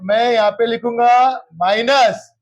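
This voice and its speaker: A man teaching a geometry class, his voice sitting very high. He talks slowly and deliberately, stopping again and again to ask whether anyone has doubts. He slips English terms into his lesson. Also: fairly even intonation, highs cut off. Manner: repeats questions, checks for doubts; mixes English terms into Hindi. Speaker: math teacher. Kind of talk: classroom lecture.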